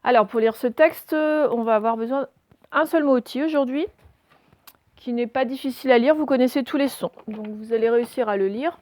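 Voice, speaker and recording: A woman's voice: on the high side, fairly quick, darkish tone, no echo. A woman teaching reading and handwriting to young children remotely, recorded on a phone, explaining step by step with frequent hesitations. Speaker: primary school teacher.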